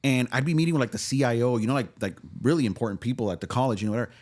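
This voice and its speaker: A man, born in Cuba, a podcast guest chatting in a relaxed way and often saying bro and man. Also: mid-range voice, very fast. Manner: laid-back, says bro and man a lot. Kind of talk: casual chat.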